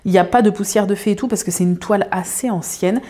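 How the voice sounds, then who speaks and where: A woman's voice: mid-range voice, fast talker, dark tone. A woman chatting casually to her viewers at home, rambling with lots of fillers and restarts. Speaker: craft video creator.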